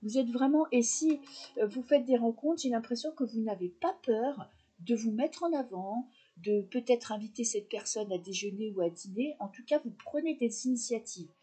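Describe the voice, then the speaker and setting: Woman, tarot reader, chatty, husky, fairly high voice. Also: animated, moderate pace, warm tone. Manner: chatty, addresses viewers directly, many fillers. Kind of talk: casual tarot reading.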